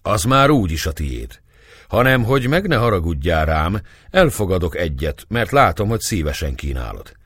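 Man voicing a fatherly captain, calm and kindly, measured speech, raised voice, dry close sound. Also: sits low, husky, no room sound, full character voice.

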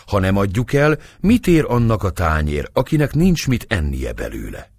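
A man's voice: on the low side, wildly swooping pitch, darkish tone, breathy edge, full character voice. A man reading aloud and voicing a clever young man who speaks humbly and persuasively. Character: clever young Hungarian man posing as a singer.

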